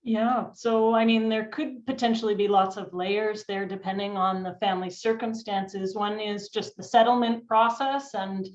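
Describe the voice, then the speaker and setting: Measured woman physician, echoey call audio. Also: mid-range voice, highs cut off. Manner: measured, thoughtful explaining. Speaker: adult sickle cell physician. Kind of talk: panel discussion answer.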